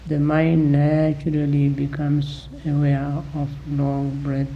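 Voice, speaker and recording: The teacher here is a man with a gravelly, fairly high-pitched, monotone voice giving guided meditation instruction. He is deliberate, using short phrases and long pauses, on a dull recording with a little hiss or hum.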